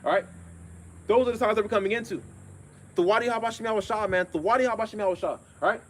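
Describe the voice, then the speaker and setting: A man delivers an informal sermon in a high voice, talking quickly. He is blunt and swears often. He drives home his points with emphatic repetition and constant check-ins with his listeners. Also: a little hiss or hum. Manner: blunt street talk with frequent swearing. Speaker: preacher. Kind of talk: informal sermon with scripture readings.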